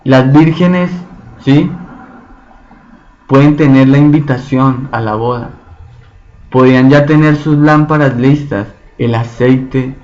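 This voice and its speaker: A man teaching a Bible study, often checking in with his listeners through rhetorical questions. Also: mid-range voice. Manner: slow, asks the group frequent rhetorical questions. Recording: dull lo-fi recording.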